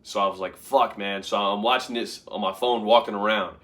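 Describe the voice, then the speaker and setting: Bright-voiced man ranting casually. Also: on the low side, steady tone, a little fast. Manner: profane, rambling, laughs often. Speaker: MMA commentary YouTuber. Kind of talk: casual rant to camera.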